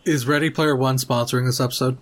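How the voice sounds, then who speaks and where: A man's voice: mid-range voice, steady tone, fast talker. A man co-hosting a podcast in casual chat. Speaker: podcast co-host.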